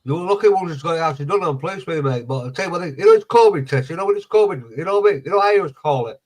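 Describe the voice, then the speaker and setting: A man's voice: a little high, expressive, racing, darkish tone. A man in his fifties in a casual group chat, blunt and matey, swearing freely. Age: 50s. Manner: blunt, swears, calls people mate.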